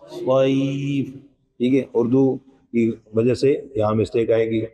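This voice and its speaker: Explaining each sound letter by letter, a man gives a patient recitation pronunciation lesson, questioning his students and sometimes chanting verses long and melodically. He speaks a little slowly with flat delivery and a dark, medium-pitched voice, captured on a rough recording.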